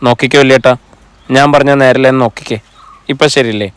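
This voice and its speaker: A man's voice: mid-range voice, steady tone, fast talker, smooth, no room sound, close to an everyday voice. A man reading a chatty childlike girl. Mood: eager. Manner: eager, telling things with importance. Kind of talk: audiobook character reading.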